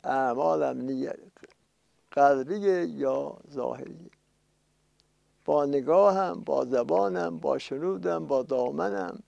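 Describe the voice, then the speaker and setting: An older man, a cleric, preaching a religious sermon, reciting quoted passages slowly and explaining them with emphatic, rising lists. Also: a little high, creaky, darkish tone, no room sound, lo-fi sound. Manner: slow emphatic recitation of Arabic, then explaining in Persian. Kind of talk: religious sermon with Arabic quotations.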